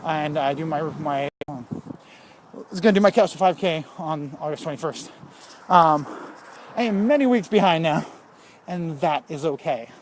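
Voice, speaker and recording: A man's voice: on the high side, normal speed, a little hiss or hum. A man talking casually while out walking, rambling and candid with lots of fillers, a little out of breath. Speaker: fitness vlogger. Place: outdoors on a walk.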